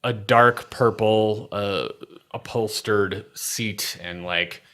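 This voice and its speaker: A man with a lowish voice runs a tabletop game as its master. He narrates casually, making it up as he goes, and often stalls to find his words. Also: pushed and bright. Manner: halting, searching for words.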